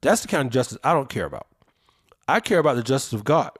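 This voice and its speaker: A man's voice: medium pitch, sing-song, fast talker, husky. A man co-hosting a podcast, talking in an emphatic, preacherly way and drawing out the words he stresses. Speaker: podcast co-host. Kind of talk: opinionated podcast commentary.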